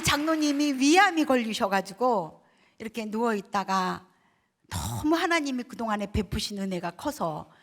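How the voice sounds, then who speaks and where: Lively storytelling woman giving testimony. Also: a little high. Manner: lively storytelling, acting out quoted voices; conversational, asks the audience questions. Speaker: pastor's wife giving testimony. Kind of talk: testimony at a prayer meeting.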